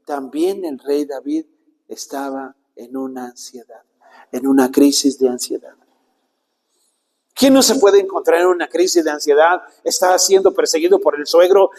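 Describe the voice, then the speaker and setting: A man preaching a sermon, earnest and slow, often turning to the listener with direct questions. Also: high voice, darkish tone, big-room sound, rough recording.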